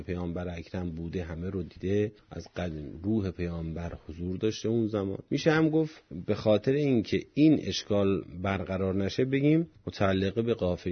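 A man teaching a grammar lesson on Quranic Arabic, explaining each point in small steps with a husky voice. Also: deep voice, lo-fi sound. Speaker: religious studies teacher.

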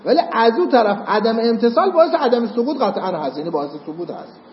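High-voiced man lecturing in an echoey hall. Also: expressive, slight background noise. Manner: explanatory, checks understanding with "got it?". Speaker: seminary teacher. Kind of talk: lecturing on Islamic jurisprudence. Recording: echoey hall, muffled lo-fi sound.

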